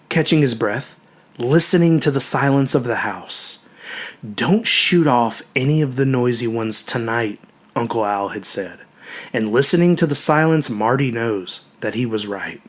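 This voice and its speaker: Measured and expressive, a male narrator with a mid-pitched voice tells a dramatic audiobook story, his phrases trailing off into hushed endings.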